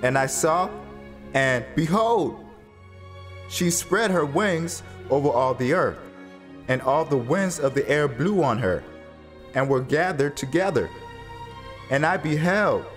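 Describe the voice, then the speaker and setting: A man with a somewhat high voice narrates dramatized scripture, telling it in a solemn, measured way.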